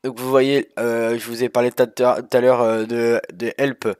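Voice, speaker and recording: A man's voice: medium pitch, level tone, normal speed, darkish tone, no echo, studio quality. A man casually narrating a walkthrough of a sailing game over his screen, rambling with many fillers and restarts. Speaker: gaming youtuber.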